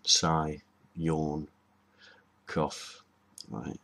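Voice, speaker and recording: A man's voice: extremely low pitch, completely flat delivery, very slow, vocal fry, pushed and bright. A man talking in a rambling, hesitant way, with many ums and restarts, giving a casual spoken lesson to camera. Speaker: video host.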